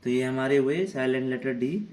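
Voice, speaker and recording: A man's voice: medium pitch, normal speed, darkish tone. A man with a mid-range voice teaches to children in a plain classroom manner. He spells words out letter by letter and keeps asking and answering his own questions. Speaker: English teacher.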